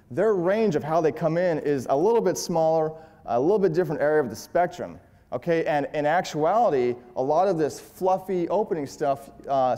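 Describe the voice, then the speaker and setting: Blunt, profane man with a dark voice. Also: medium pitch, in a large hall. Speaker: dating coach. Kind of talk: casual seminar talk.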